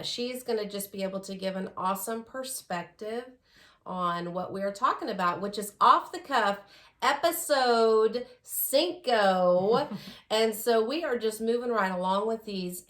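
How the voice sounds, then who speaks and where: Slow-talking woman host in an echoey room. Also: mid-range voice. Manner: relaxed, with fillers and laughs. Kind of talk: casual show introduction.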